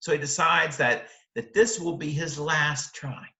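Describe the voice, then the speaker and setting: In an echoing indoor room, a middle-aged literature teacher sits near his webcam and lectures emphatically, peppering the explanation with rhetorical questions and check-in tags. His voice is fairly high, bright and forceful, delivered a little slowly.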